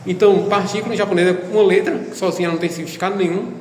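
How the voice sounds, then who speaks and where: A man's voice: high voice, fairly even intonation, rapid-fire, a little mellow, roomy sound, in a large hall, slight background noise, rough recording. A man giving a casual video lesson on Japanese, explaining step by step with hesitant fillers. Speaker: Japanese language teacher.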